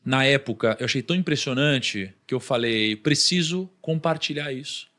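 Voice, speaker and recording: A man with a Brazilian accent, a podcast guest, tells a personal story and animatedly acts out other people's voices in it. His voice is mid-range, and he speaks at a normal pace.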